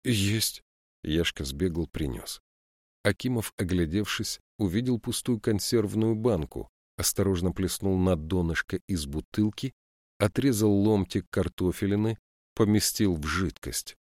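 A male audiobook narrator with a very deep voice, reading in a measured storytelling manner. The sound is close and completely dry, with no room around it. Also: darkish tone, no room sound. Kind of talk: scripted narration.

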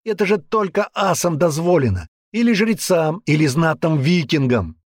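A man voicing a hot-tempered, brutish young man who rants and yells threats in an audiobook. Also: on the high side, animated, moderate pace, no echo, clean studio sound, pitched above the performer's own voice. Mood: ranting. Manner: aggressive ranting, yelling threats. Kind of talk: audiobook character voice.

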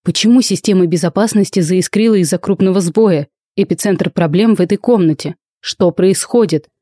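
A woman's voice: lowish voice, moderate pace, dark tone, no echo, clean studio sound, close to an everyday voice. A woman reading a stern, weary rector. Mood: alarmed. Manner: formal and admonishing.

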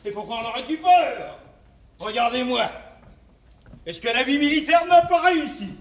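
A distant, echoing stage recording of a jeering army sergeant. He barks like a drill sergeant in a very high, swooping voice, interrogating and mocking with theatrical relish. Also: animated, normal speed. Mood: jeering, domineering. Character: male army sergeant recruiting soldiers, bullying, sly and jeering.

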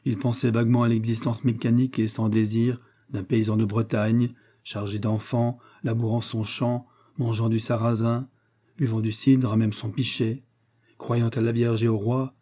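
Man narrating a classic novel, mellow dark voice, steady. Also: mid-range voice. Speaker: audiobook narrator. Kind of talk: scripted literary narration.

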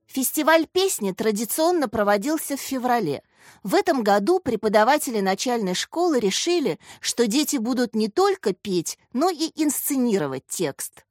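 Woman reading a story with lively voices. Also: a little high, moderate pace, dry recording, clean studio sound. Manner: lifts her voice for characters' lines. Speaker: audiobook narrator.

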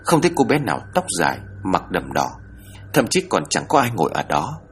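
Expressive low-voiced male storyteller. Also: brisk, a little hiss or hum. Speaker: narrator. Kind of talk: dramatic storytelling.

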